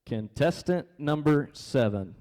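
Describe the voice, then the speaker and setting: Slightly high-voiced American male announcer. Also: lively intonation, takes it slowly, mellow. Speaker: event announcer. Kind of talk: live event announcements.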